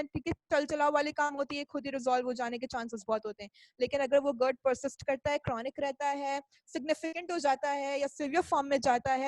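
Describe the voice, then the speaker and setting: A woman's voice: high voice, no room sound, rough recording. A woman giving a medical lecture, explaining step by step, checking in with her listeners after almost every phrase and mixing English terms into her talk. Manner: mixes English medical terms into Hindi speech; playful asides. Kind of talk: recorded lecture.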